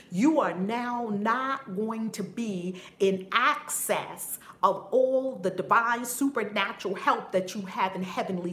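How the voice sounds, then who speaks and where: A woman giving a casual spiritual teaching on a livestream, animated, laughing often and swearing casually. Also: medium pitch. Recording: roomy with faint background noise.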